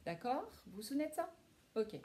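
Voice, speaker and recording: A woman teaching a class lesson to young children, speaking slowly and clearly and praising pupils by name. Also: on the high side, big pitch swings, mellow. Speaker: primary school teacher.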